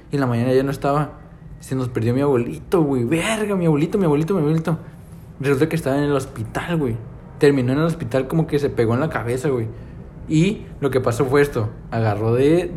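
A man's voice: on the high side, darkish tone. A young man with a Mexican Spanish accent, telling stories in slangy casual chat and laughing often.

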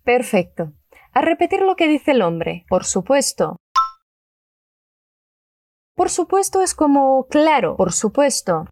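A woman teaching a Spanish lesson, upbeat and enthusiastic, saying model phrases slowly and clearly for learners to repeat. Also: high voice, very animated, a little mellow, no echo, clean studio sound. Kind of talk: language lesson with repeat-after-me drills.

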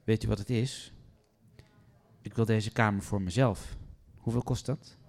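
A man's voice: lowish voice, steady tone, a little slow, vocal fry, darkish tone. A man voicing a fretful, indignant woman hotel guest who complains about her roommate. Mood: complaining. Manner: indignant, pleading.

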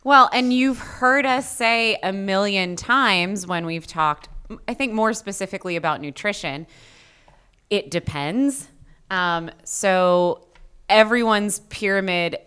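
A woman's voice: medium pitch, slow, pushed and bright, clean tone. A woman co-hosting a casual fitness podcast, explaining ideas in a chatty way. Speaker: podcast co-host, coach.

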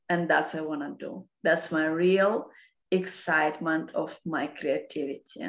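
A woman with a Russian accent explaining philosophical ideas off the cuff in halting non-native English. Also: fairly low pitch. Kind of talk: unscripted philosophical explanation in conversation. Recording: roomy, echoing sound.

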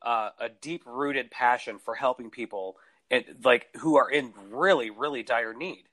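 A man's voice: mid-range voice, measured pace, bright, forceful tone. A man hosting an interview, talking with his guest in an effusive, enthusiastic way. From Michigan and Georgia, USA. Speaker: host. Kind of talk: casual interview chat.

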